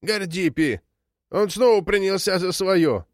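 A frail, confused old woman, suspicious and stubborn, her voice pitched high and swinging sharply as she snaps short, indignant retorts, as a man reading a storybook puts her on. The sound is close and dry. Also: big pitch swings, moderate pace, no room sound.

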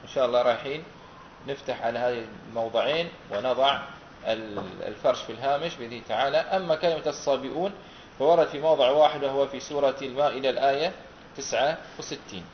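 A fast-talking man with a mid-range voice teaches a class on reciting the Quran, patiently repeating back the answers his students give to his questions. The recording sounds roomy, dull and lo-fi, with slight background noise.

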